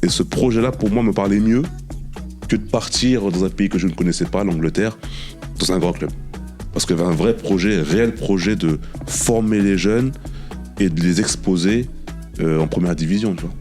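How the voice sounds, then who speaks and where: Man, very deep voice, ex-footballer guest, animated storytelling, faint music behind. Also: normal speed. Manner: animated anecdotes with many repetitions and "tu vois". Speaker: former professional footballer, guest. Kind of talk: casual storytelling interview.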